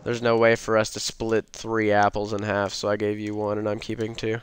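Man, low voice, sick gargling gravel, drowsy, blunt bantering, casual game streamer. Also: completely flat delivery, brisk. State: drowsy from pain medication. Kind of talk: casual gameplay chat.

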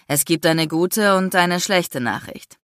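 A woman's voice: lowish voice, takes it slowly, fairly bright tone, dry recording, studio quality. A woman voicing a self-assured, flirtatious man in an audiobook. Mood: flirty. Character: smooth flirtatious man, confident lawyer.

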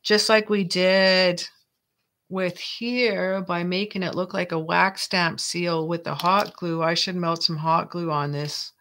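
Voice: medium pitch, steady tone, slow, bright, forceful tone. A crafting channel host from Canada, narrating casually and playfully while working, often talking to themselves. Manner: chatty, talks to self while working; playful, jokey.

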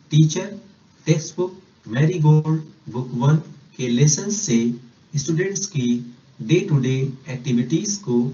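A man explains lesson steps slowly and plainly, with a mellow, dark tone. He sounds like he is in a roomy, echoing space. The recording has a dull, lo-fi quality. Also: medium pitch, recorded from a distance. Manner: slow, plain explanatory delivery. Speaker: teacher trainer. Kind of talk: slow instructional narration.

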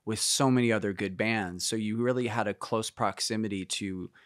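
A man in his fifties thinks aloud as a podcast guest, circling his ideas with fillers and restarts. His voice sits a little low. The recording is dry and close. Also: fairly even intonation, moderate pace, no echo. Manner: reflective and meandering, many fillers and restarts. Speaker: guest musician. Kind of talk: casual interview conversation.

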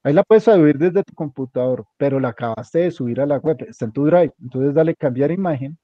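A man's voice: a little high, a little fast, dry recording. A man teaching a hands-on computer class, giving directions step by step and repeating them often. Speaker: instructor. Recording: dull lo-fi recording.

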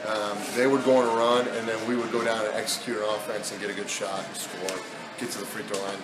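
A man's voice: fairly low pitch, little pitch movement, fast talker, loud music behind the voice, rough recording. A man in his thirties, a basketball head coach, talking candidly with many fillers in a postgame press interview. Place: indoor press backdrop at an arena.

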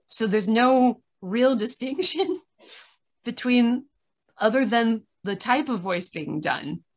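Woman griping casually over a video call. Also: a little high. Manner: candid, laughs often while griping. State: tired. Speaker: podcast reviewer. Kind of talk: casual critical chat.

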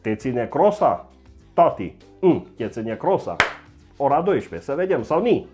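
Guy ranting satire, mocking, mid-pitched, keeps leaping up into silly voices. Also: big pitch swings, over music. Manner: mocking, sarcastic, with sudden jumps into high mock voices. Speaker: comedian. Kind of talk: satirical comedy monologue.

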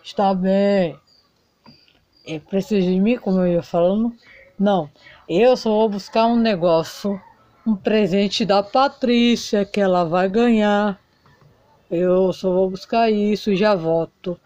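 A woman's voice: mid-range voice, slow pace, dark tone, no room sound, lo-fi sound, natural voice. A woman voicing an eager, servile female maid in a doll soap opera. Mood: helpful.

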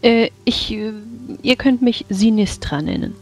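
A woman playing a tabletop game in ASMR role-play, giving a hushed, urgent warning. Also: fairly high pitch, lively intonation, measured pace, faint music behind.

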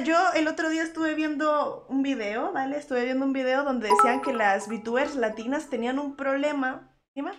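A woman from Colombia streaming as a VTuber, reacting and chatting with her viewers in an animated, slangy, teasing way with quick laughs. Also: high-pitched. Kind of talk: live stream reaction chat.

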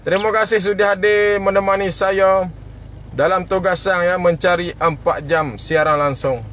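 A man's voice: high voice, steady tone, moderate pace, a bit bright. A man hosting a casual live stream, greeting viewers by name and chuckling often.

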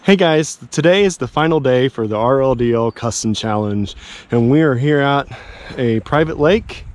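A middle-aged man narrates a casual fishing vlog by and on a pond, speaking informally to viewers and himself into a handheld or worn action camera. His mid-range voice is animated and moves at a moderate pace.

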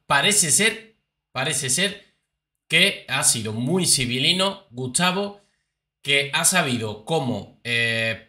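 A man's voice: a little high, bright, forceful tone. A man giving chatty commentary on reality-show clips, with many fillers and repeats. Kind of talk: casual commentary.

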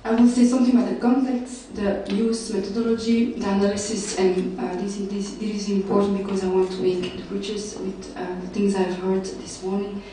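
A young woman from Belgium presents her research at a summer school, seated at a panel table in a large lecture hall, and her academic talk is full of fillers and restarts. Her mellow, medium-pitched voice stays level at a moderate pace with few pauses. A distant camera records her via a table mic, so she sounds far away in the very echoey hall, with slight background noise.

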